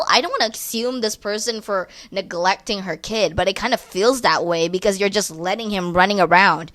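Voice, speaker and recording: A woman's voice: medium pitch, no echo. A woman reading online advice posts aloud and giving blunt opinions, swearing casually. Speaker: reddit story commentator.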